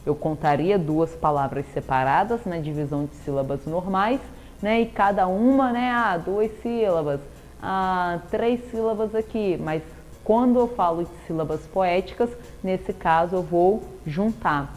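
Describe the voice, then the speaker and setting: A woman's voice: on the low side, a little slow, darkish tone. A woman with a Brazilian Portuguese accent teaching a literature lesson, explaining step by step with rhetorical questions and a frequent tag "né?". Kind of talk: recorded classroom lesson.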